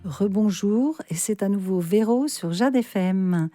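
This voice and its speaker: Mellow woman radio host in her sixties. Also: mid-range voice, a little slow, soft background music. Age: 60s. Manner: friendly introducing guest. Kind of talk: radio interview.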